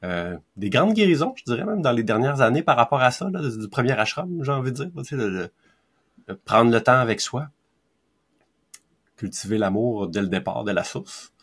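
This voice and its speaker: A man's voice: mid-range voice, lively intonation, moderate pace, husky. A man with a Québécois accent, co-hosting a podcast in thoughtful, hesitant casual chat. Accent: Québécois French. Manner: thoughtful, hesitant, with soft laughs. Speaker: podcast co-host.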